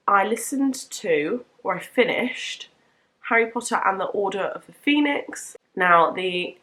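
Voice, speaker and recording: A woman's voice: mid-range voice, fairly bright tone. A young woman chatting casually to camera about the books she has read, her voice nasal from a cold, rambling and correcting herself as she goes. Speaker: book vlogger.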